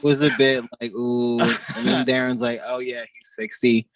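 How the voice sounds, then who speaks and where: A man's voice: medium pitch, level tone, unhurried, recorded from a distance, crowd noise. A man chatting casually as a guest on a talk show, his mic cutting in and out so his volume keeps jumping. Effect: mic cutting in and out, uneven volume. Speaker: show producer joining the chat. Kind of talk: casual chat.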